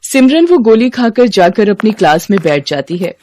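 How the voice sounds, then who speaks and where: A woman narrating a cartoon story in an even, storybook manner. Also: medium pitch, normal speed, slight background noise.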